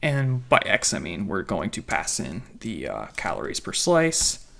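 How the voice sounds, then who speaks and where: A man's voice: sits low, huge pitch swings, measured pace, gravelly, fairly bright tone. Guy walking thru code on screen, chatty, cracks little jokes, fixes his own slips. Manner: chatty, self-correcting, joking asides. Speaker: programming instructor. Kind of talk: casual screen-recorded coding tutorial.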